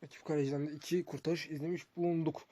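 High-voiced man casually commentating a game. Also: little pitch movement, quick pace, warm tone. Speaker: gaming streamer.

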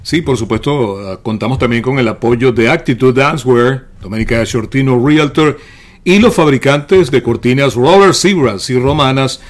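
A man co-hosting a news show, reading sponsor names and credits and playfully arguing with the host. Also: mid-range voice. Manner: quick denials, playful. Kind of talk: casual chat and credit reading.

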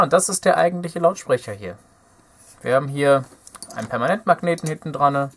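With a mid-range, fairly bright voice, this young DIY electronics host chats casually while working at his indoor bench. He mutters playfully to himself and thinks out loud as he goes.

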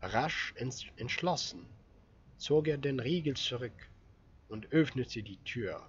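A man narrating an audiobook in a steady, measured reading voice. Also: mid-range voice, lo-fi sound, slight background noise. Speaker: audiobook reader.

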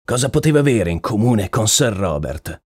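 A man's voice: fairly low pitch, sing-song, normal speed, husky, dry recording, clean studio sound. A man voicing an earnest, uneasy male horse trainer in an audiobook, talking plainly and deferentially. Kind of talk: audiobook character reading.

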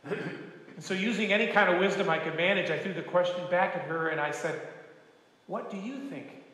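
An older man, a retired pastor, preaching a sermon with gentle, folksy storytelling and humor. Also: sits high, steady tone, fairly quick. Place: church sanctuary. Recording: echoey church hall.

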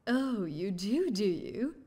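An actress voicing a haughty female news chief in a video game, speaking in a slow, condescending drawl. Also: medium pitch, sing-song, warm tone, breathy edge, exaggerated voice. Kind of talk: game voice acting.

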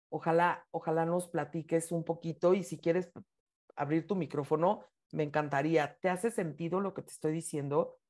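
A woman's voice: on the low side, darkish tone. A woman leads an online reading club in casual talk. She speaks with emphatic encouragement, leaning hard on key words as she tells her own stories. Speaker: book club host and speaker.

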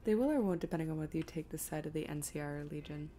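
A woman streams a game, rambling and thinking aloud in casual, self-deprecating commentary while reading chat out loud. Her deep, dark voice comes rapid-fire over faint music.

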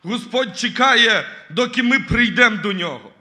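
A man's voice: very high voice, expressive, normal speed, bright, forceful tone. A man giving his testimony at a church service, earnestly reading scripture and often calling the listeners brothers and sisters.

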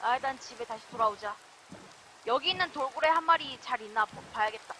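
A woman hosting a gaming video, giving excited let's-play commentary and shrieking and yelling at the game. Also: a little high, brisk. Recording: clear background noise and game sounds.

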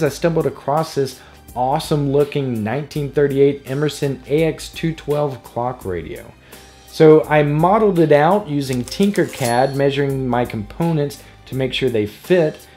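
This scripted how-to tutorial is narrated by its male host, whose medium-pitched voice is a little mellow and whose delivery stays casual and explanatory. Background music runs underneath.

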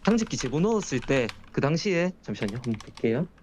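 A man's voice: mid-range voice, very animated, quick pace, a little mellow, a little hiss or hum. A man recounting strange events at home as a guest in a casual interview.

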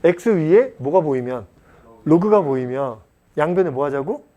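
This cram-school math tutor speaks a little high with lively intonation and a dark tone, in lo-fi sound. He jokes, pretends to scold his students, keeps things blunt and chatty, and fires off quick questions to check on them.

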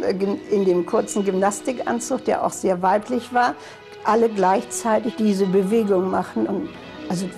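Creaky-voiced older woman recalling the past. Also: mid-range voice, mellow. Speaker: eyewitness interviewee. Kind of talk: reflective interview recollection. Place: dark indoor interview studio.

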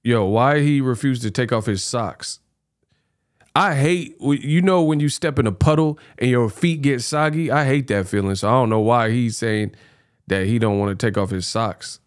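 A man in his thirties gives casual, teasing commentary as a reaction host. His mid-pitched voice sits close on the mic in a dry home studio, and he likes to repeat phrases. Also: moderate pace, dry recording. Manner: colloquial, teasing, repeats himself. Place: small home studio, indoors. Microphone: close microphone on a stand.

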